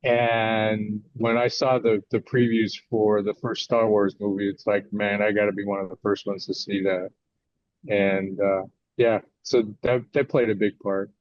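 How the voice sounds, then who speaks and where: An older man from California answers interview questions as a guest author, speaking conversationally with a lowish voice and flat delivery. He pauses a little as he thinks his answers through, and the audio is dull and lo-fi.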